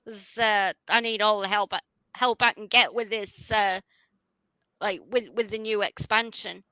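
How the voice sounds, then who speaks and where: A woman's voice: mid-range voice, fairly even intonation, measured pace, bright, forceful tone, smooth, no room sound, low-quality recording. A woman hosting a casual livestream, chatty and rambling, often restarting her sentences. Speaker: livestream host.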